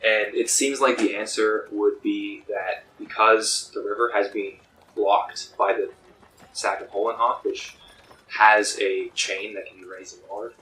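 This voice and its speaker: A game master narrates a tabletop roleplaying session in an unhurried, descriptive way, pacing the scene with small pauses and frequent ums. His slightly low voice is bright and forward but delivered flatly, far from the mic, in an echoey room with a faint hiss.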